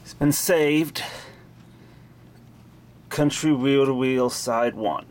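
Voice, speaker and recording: A medium-pitched, slightly mellow male voice moves extremely slowly as a hobbyist vlogger casually explains a hands-on demo. He holds the camera himself in a dim indoor room at home, and the audio from its mic is clearly noisy.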